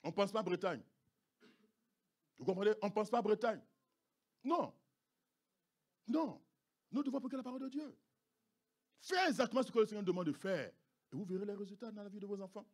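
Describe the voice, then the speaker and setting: A man's voice: sits high, lively intonation, brisk, pauses often. A man preaching a sermon as pastor, emphatic and repetitive, often asking the congregation if they understand. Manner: emphatic, repeats phrases, asks the congregation "vous comprenez?". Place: church.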